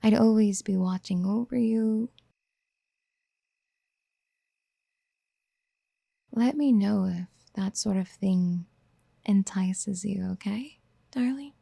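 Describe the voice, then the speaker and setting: A woman voices a clingy, doting yandere mommy for ASMR audio, speaking slowly in a hushed, breathy, mid-range tone that often drops near a whisper. She gently coaxes the listener with tender, hesitant pet names, her obsessive wish to mother them played in an exaggerated way. It's recorded dry on a close mic in a quiet space.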